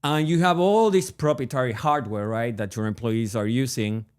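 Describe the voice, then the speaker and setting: Joking and rambling with plenty of laughs and restarts, this Argentine man co-hosts a casual podcast chat in an Argentine Spanish accent. His mid-range voice is a little mellow with a clean tone, at normal speed.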